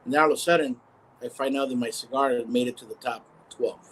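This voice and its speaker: Company founder, male, mid-pitched, lively storyteller who restarts phrases; video-call sound with faint hiss. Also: quick pace, low-quality recording. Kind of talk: casual storytelling in a live interview.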